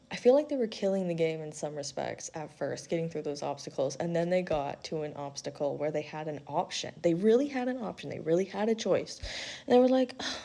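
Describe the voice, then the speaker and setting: A tarot-style spiritual reader and host speaks in a fairly low, warm voice with vocal fry. Her casual intuitive reading is blunt, full of swearing, and conversational, and she animatedly acts out quotes while dispensing chatty advice.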